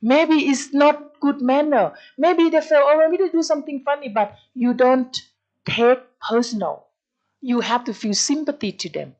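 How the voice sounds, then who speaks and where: Animated woman lecturer, higher voice. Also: dull audio. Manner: animated storytelling, acts out dialogues; halting non-native English phrasing. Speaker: guest lecturer. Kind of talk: university lecture on service quality.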